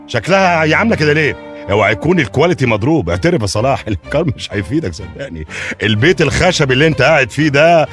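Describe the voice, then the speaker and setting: Brief: wisecracking Egyptian cop in a radio comedy, rapid-fire, bouncy delivery, faint music underneath. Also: male voice, mid-range voice, sing-song, a bit bright. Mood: sarcastic. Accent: Egyptian Arabic. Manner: mocking, sarcastic banter. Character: joking, teasing male police detective. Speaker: police officer. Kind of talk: comic radio drama acting.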